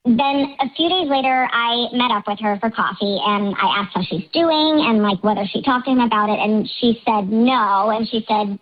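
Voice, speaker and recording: A woman's voice: fairly high pitch, moderate pace, hardly any pauses. A woman calling into a radio show, her voice disguised by a voice changer, telling her story in a chatty, nervous way with plenty of fillers. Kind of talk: telling a personal story on air. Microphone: phone. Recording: dull lo-fi phone line.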